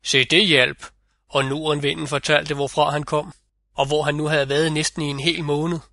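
A man's voice: fairly high pitch, little pitch movement, pushed and bright, no room sound. A man narrating a fairy tale in an audiobook reading.

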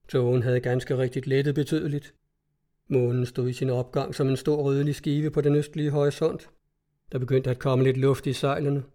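A man reading a story aloud in a steady, measured narration. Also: medium pitch. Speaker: audiobook narrator.

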